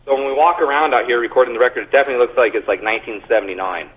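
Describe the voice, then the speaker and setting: A man's voice: mid-range voice, rapid-fire, husky. A man talking loosely and crudely on speakerphone during a phone interview, rambling with laughs. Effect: on speakerphone over a phone call. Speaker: band member interviewed by phone. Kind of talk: casual joking chat. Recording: muffled, tinny speakerphone line.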